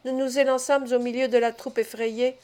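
A woman's voice: fairly high pitch, little pitch movement, normal speed, darkish tone, close to an everyday voice. A woman reading the part of a bold teenage boy recounting a hunt in an audiobook. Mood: proud. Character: bold teenage boy, eldest son, keen hunter.

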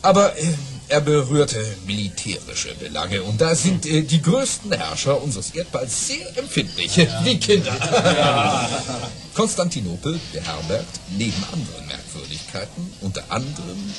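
An actor playing a boastful aristocratic baron in a radio play, telling tall tales dramatically and savoring his pauses. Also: medium pitch, big pitch swings, close to an everyday voice. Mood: amused, boastful. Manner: dramatic, savoring pauses, hushed then exclaiming. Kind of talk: theatrical German radio play storytelling.

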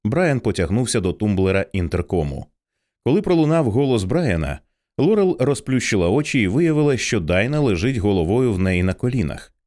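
Casting: male audiobook narrator, low voice, lively dramatic intonation. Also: fairly quick. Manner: expressive, dramatic reading.

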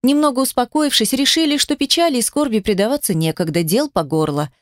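A woman narrating a fantasy audiobook in a steady storytelling manner. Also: fairly high pitch, a little fast, no echo, clean studio sound. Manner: steady storytelling, shifting into character voices.

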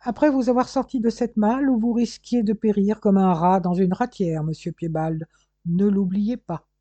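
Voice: medium pitch, steady tone, normal speed, dark tone, dry recording, pitched above the performer's own voice, natural voice. A reader voicing a stubborn, sardonic male police inspector who grumbles and mocks, in a storybook reading. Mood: mocking. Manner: gruff, grumbling, mocking. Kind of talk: audiobook character reading. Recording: dull, dry lo-fi recording.

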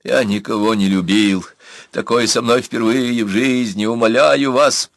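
A man's voice: medium pitch, steady tone, a little slow, dry recording, studio quality, close to an everyday voice. A man doing a fat, bleating lecherous uncle. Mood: pleading. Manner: begging, cooing, bleating whisper. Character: short fat repulsive uncle pleading for love.

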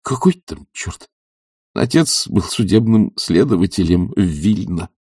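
A man's voice: sits low, lively intonation, unhurried, darkish tone, slightly rough, no echo, clean studio sound, exaggerated voice. A man voicing an earnest, devoted young doctor who pleads passionately and drops to urgent whispers. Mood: indignant.

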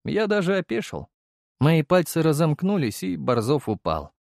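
Lively male audiobook narrator. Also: on the high side, normal speed, vocal fry, no echo, studio quality. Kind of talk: first-person fantasy audiobook narration.

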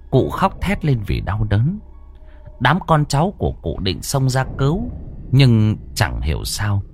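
A man's voice: on the low side, darkish tone, slight background noise. A man narrating a ghost story with dramatic, suspenseful delivery.

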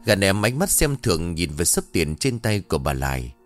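Low-voiced male ghost story narrator. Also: sing-song, normal speed, faint music behind.

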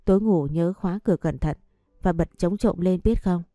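A woman voicing a regretful young husband and father who gives gentle, pleading instructions to his family. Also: fairly low pitch, normal speed, no room sound, clean studio sound, natural voice. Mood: tender.

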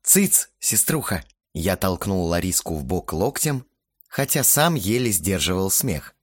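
A man's voice: low-pitched, sing-song, unhurried, no echo. Wry male audiobook reader, dry close sound. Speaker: audiobook narrator. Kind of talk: audiobook reading.

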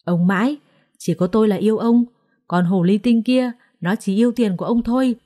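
A woman's voice: mid-range voice, moderate pace, mellow, natural voice. Woman voicing a screaming scorned old wife. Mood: furious. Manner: shrieking curses. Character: furious scorned older wife, bitter and vengeful.

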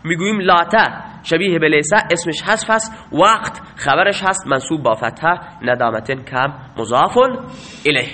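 A man's voice: fairly high pitch, bright, forceful tone. A man teaching a grammar lesson, asking questions and answering them himself.

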